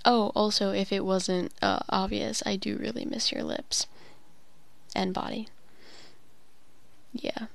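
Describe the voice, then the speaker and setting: A young woman leaving a rambling late-night voicemail, often whispering softly and filling pauses with ums. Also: mid-range voice, level tone, creaky, no room sound. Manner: soft whispering, rambling with many fillers. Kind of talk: casual, intimate phone message.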